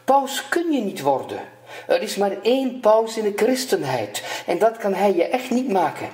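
A man's voice: big pitch swings, moderate pace, a little mellow, reverberant. A man voicing a timid, fretful fisherman who pleads in a raised, shaky voice. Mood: pleading. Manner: pleading, higher and trembling.

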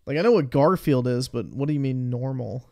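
A man's voice: mid-range voice, a little fast, vocal fry, darkish tone, no room sound. A young man streaming live, reacting to videos with profane, slangy, scornful commentary.

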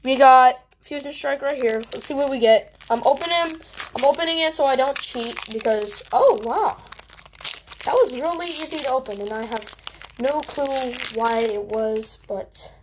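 A high-voiced woman talks casually through a card unboxing, chatty and easily excited. She jumps quickly from mild groans to loud cheers. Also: background noise. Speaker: vlogger opening trading cards.

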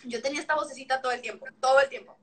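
A woman's voice: sits high, fairly even intonation, very fast, husky. A young woman with a Mexican accent, telling her story in a casual video chat and acting out remembered dialogue. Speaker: guest, former figure skater. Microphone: video call.

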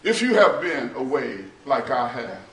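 Middle-aged man, pastor, sermon in a small church, bright voice, slow build to shouting, roomy and distant sound. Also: medium pitch, very animated. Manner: slow, preachy, rises to shouting and half-singing. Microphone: far camera, no mic seen. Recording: roomy church echo from far off.

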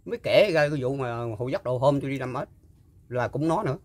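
An older man, recalling a story in casual talk and pausing often with fillers and repeated words. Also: mid-range voice, expressive, no echo. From Mekong Delta, Vietnam. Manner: halting, full of fillers and repeats. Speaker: guest storyteller. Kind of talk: casual spoken recollection.

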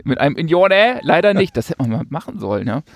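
A man with a gravelly, fry-tinged voice chats on a podcast, mocking and sardonic, stringing thoughts together with plenty of "äh" and "ähm". The sound is close and dry, with no room around it. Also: a little high, sing-song, fast, dry recording. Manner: sarcastic, rambling with many fillers. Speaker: podcast co-host. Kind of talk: casual chat.

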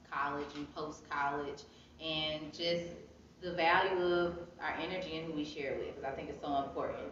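With a low-pitched, fairly bright voice, a young American woman reflects casually as an author being interviewed. She sits against a wall in an indoor art gallery, filmed on a phone several feet away, and the sound is dull and echoey, with a crowd audible.

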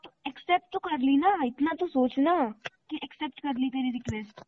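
A woman's voice: sits high, brisk, narrow, tinny audio. A woman chatting casually over in-game voice chat, brushing off a player with dismissive taunts.

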